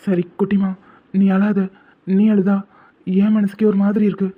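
A man voicing a devoted, protective young man in a cartoon, talking earnestly and gently comforting. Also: high voice, flat delivery, moderate pace. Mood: tender. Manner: earnest, soft-spoken comforting. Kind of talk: cartoon voice acting. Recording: tinny phone-like sound.

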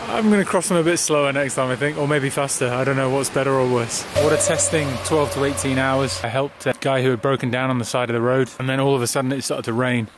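A tired young man, a touring cyclist, chatting casually to his camera outdoors by a highway and laughing often. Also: steady tone, quick pace, few pauses, background noise. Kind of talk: casual video diary.

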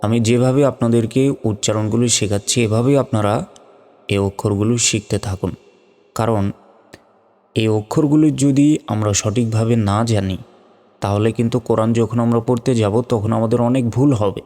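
A man teaching Arabic letter pronunciation in a slow step-by-step lesson, drawing out and repeating each sound. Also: fairly low pitch, warm tone. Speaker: Quran teacher. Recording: long hall reverb with faint music.

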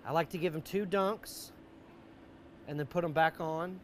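A man's voice: a little high, steady tone, moderate pace. A middle-aged American man hosting a live outdoor cooking show with jolly, hearty, folksy banter. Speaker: host, barbecue cook. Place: outdoor wooden deck. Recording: faint outdoor background noise.

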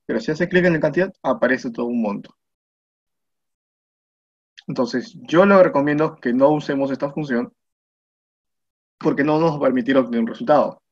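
In a screen-recorded spreadsheet tutorial, a man with a Peruvian Spanish accent patiently walks through each step, often checking in with viewers and frequently saying "¿no?" and "mira." His voice is fairly high with a breathy edge, and the recording sounds muffled and lo-fi.

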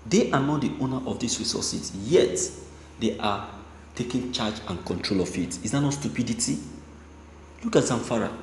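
A man's voice: mid-range voice, expressive, moderate pace, vocal fry, darkish tone. A man presenting a news report and giving his own opinion on it, emphatic and repeating phrases for stress. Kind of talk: news reading and opinion commentary. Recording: echoey room with long reverb, faint noise.

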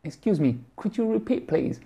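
A man puts on a flustered, bewildered young man who strains to catch what a local says. His voice jumps far above his own into a thin, high register. The tone is polite and pleading. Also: sing-song, normal speed, vocal fry, warm tone, full character voice. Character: flustered young man lost in London talk.

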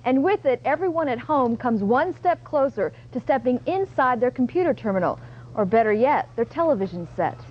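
A woman TV reporter presenting a live news stand-up in a bright, upbeat way. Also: high-pitched, animated, moderate pace. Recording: muffled early-90s broadcast tape.

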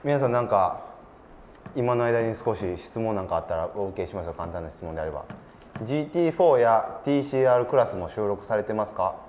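A man hosting a casual game stream, animated and laughing often, reading out viewer comments. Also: on the low side, fast talker, a little hiss or hum. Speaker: stream host.

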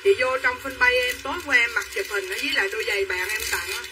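Speaking fast in a medium-pitched voice, a woman sells clothes on a livestream with repetitive hard-sell patter, addressing buyers by name. She's recorded from a distance, slightly off-mic, with faint room noise.

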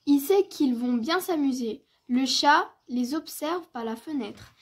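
A woman reading a picture book aloud for children, clear and expressive, as the storyteller. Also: high-pitched, measured pace.

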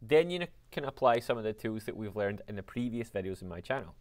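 A man teaching a music technology lesson, explaining software steps in an upbeat, chatty way. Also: on the low side, animated, a little fast.

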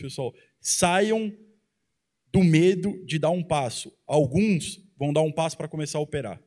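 A man in his thirties speaking bluntly and pushily to a conference crowd through a handheld mic. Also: a little high. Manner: blunt, pushy, colloquial. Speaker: trader and co-presenter. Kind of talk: motivational talk on stage. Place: large conference hall with audience.

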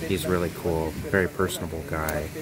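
Deep-voiced man vlogging outdoors. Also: fairly quick. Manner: relaxed, chatty, recommending. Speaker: travel vlogger. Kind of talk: casual vlog narration. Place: outdoor beachfront restaurant at night. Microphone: phone at arm's length. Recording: noisy outdoor phone recording.

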